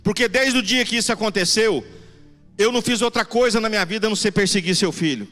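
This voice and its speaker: A man voicing a menacing, furious ex-convict father, loud and threatening, in a reverberant church hall. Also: fairly high pitch, fast talker, faint music behind.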